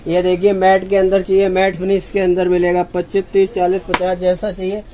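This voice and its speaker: Shopkeeper, male, high and flat-toned, steady price patter, filmed on a phone in a busy shop with a faint hiss behind. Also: a little fast. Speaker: wholesale shopkeeper. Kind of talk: sales pitch. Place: crowded cosmetics shop, indoors.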